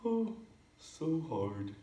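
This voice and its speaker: A man voicing a curious, eager young male frog puppet who talks playfully and gets excited. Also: fairly high pitch, extremely slow, echoey room, far from the mic, voice pushed up, heavily acted. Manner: playful, stumbling over words, excitable.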